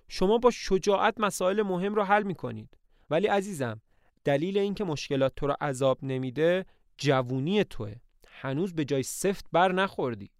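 A man's voice: sits high, clean tone, no echo, studio quality, voice pushed up. A man reading the lines of an anxious aging woman who owns an estate, in a plaintive, pleading way.

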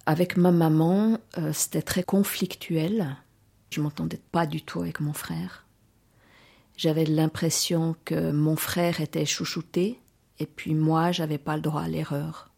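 A woman's voice: low voice, steady tone, creaky, dark tone, husky. A woman, hesitantly recounting her personal story in an interview. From Lausanne region, Switzerland. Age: 40s. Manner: hesitant, reflective, many pauses and fillers.

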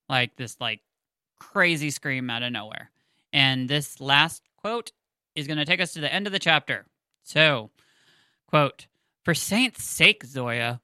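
A man talks through a book chapter in casual chat, full of fillers and quick corrections. His voice is bright and resonant. The recording is close and dry. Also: mid-range voice, smooth, dry recording. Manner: chatty, filler-heavy, self-correcting. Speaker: book podcast host. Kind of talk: casual chat with read-aloud passages.

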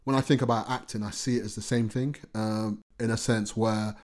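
A man's voice: fairly low pitch, fairly even intonation, fairly quick, darkish tone. A man, an actor and writer, speaking as a guest in a casual podcast interview, earnest and emphatic, repeating phrases for stress.

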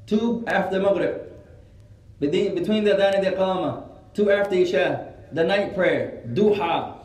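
A man teaching a religious studies class, repeating each point slowly so students can write it down. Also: high voice, darkish tone, roomy sound, recorded from a distance, poor audio. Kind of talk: classroom lesson, Arabic then English.

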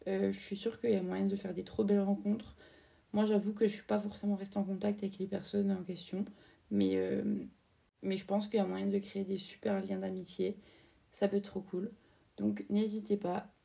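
A young woman from France in her twenties tells a story in a loose, chatty podcast style, full of fillers and slang. Her voice is very dark and mellow, with a gravelly edge. She sits a little back from the mic. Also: medium pitch, level tone, moderate pace, distant mic. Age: 20s. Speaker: podcast host.

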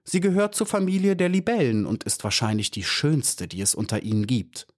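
A man's voice: medium pitch, animated, brisk, lightly acted. A man reading aloud, voicing a little young female bee who speaks timidly yet firmly. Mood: cautious.

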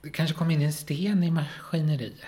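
A woman's voice: sits low, fairly even intonation, noisy background. A woman co-hosting a podcast, chatting casually with dry, teasing remarks. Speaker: podcast co-host. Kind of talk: casual chat.

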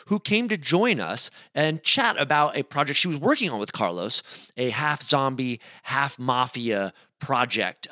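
A man hosting a podcast, narrating an introduction with lively enthusiasm. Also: mid-range voice, no echo, studio quality. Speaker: podcast host. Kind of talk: scripted narration.

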